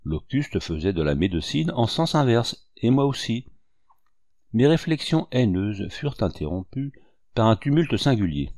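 Low-voiced male audiobook narrator. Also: big pitch swings, moderate pace, a little mellow, dry recording, clean studio sound.

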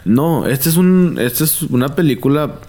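A man with a Mexican accent in casual chat, telling stories in a slangy, animated way and acting out what people said. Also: fairly high pitch, normal speed.

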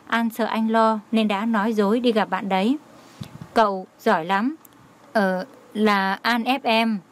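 A man's voice: sits high, natural voice. A woman voicing a cheeky, whiny young coworker.

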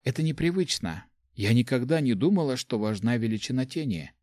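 A man reading a gentle young woman in a fantasy audiobook. She speaks softly and evenly and explains things patiently. The sound is dry and close. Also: mid-range voice, animated, fairly quick, no echo, close to an everyday voice. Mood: calm.

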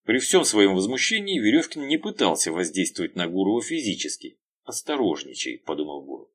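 A man narrating an audiobook in a lively, expressive reading. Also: on the low side, fairly quick. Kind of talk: scripted narration.

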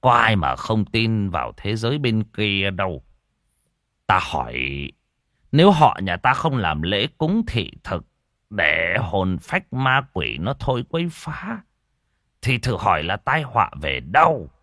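A man voicing a solemn elderly village elder who speaks low and gravely. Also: sing-song, unhurried, fairly bright tone, no room sound, clean studio sound, full character voice.

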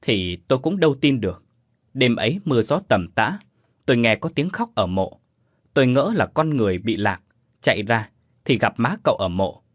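A sorrowful older woman counsels patience in a spoken ghost story, as a male narrator reads her lines. Her voice is husky and slow. It is recorded close and dry. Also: medium pitch, big pitch swings, no room sound. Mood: solemn. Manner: slow, solemn, measured.

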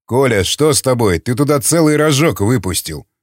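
A man's voice: medium pitch, expressive, moderate pace, dry recording, clean studio sound, lightly acted. A man voicing a blunt, worried male comrade.

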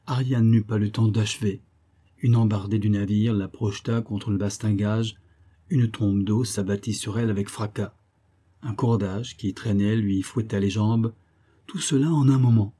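A man narrating a novel as an audiobook, in a measured literary storytelling manner. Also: lowish voice, fairly even intonation, mellow, husky.

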